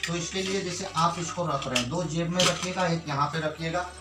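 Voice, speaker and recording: Recorded from a distance and off-mic in an echoey room with music playing, an Indian magician talks a little fast in a fairly high voice. Like a party magician, he demonstrates and sells tricks, treating viewers as friends with showman patter full of counting and nonsense magic words.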